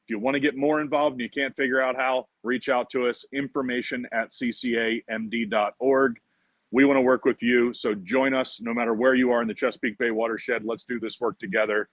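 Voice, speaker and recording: A man's voice: medium pitch, steady tone, fairly quick, dry recording, highs cut off. Upbeat man giving a dry, close update. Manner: upbeat promotional, frequent "uh" fillers. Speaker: executive director of a fishing conservation group. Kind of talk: monthly video update. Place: outdoors at a marina.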